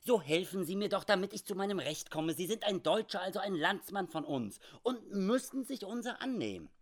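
A man voicing an old settler, raised and indignant, pleading for help. The voice sits above the reader's own and moves with lively swings in a spoken adventure story. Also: high voice, brisk, voice pushed up. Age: older. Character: older male German settler, indignant and pleading.

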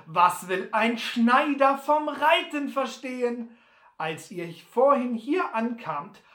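An audiobook reader voicing a boastful, brash frontier bully who talks loudly and scornfully. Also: medium pitch, pitched above the performer's own voice. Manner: loud, blustering, scornful. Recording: roomy echo.

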